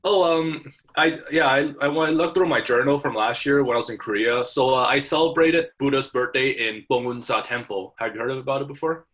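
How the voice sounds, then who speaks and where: In a casual conversation with his professor, a young man from Hong Kong, a student, speaks haltingly and fills his talk with fillers and restarts. His voice sits at a medium pitch with a fairly bright tone.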